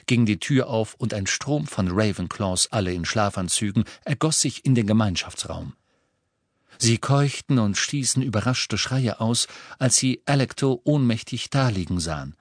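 A man narrating a fantasy audiobook in a measured, dramatic storytelling manner. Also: on the low side, no echo, clean studio sound. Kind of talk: scripted narration.

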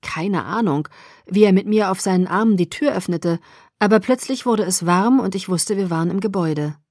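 A woman reads a first-person novel aloud as an audiobook, in an expressive, lively storytelling manner. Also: medium pitch, moderate pace, no echo, studio quality. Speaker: audiobook narrator.

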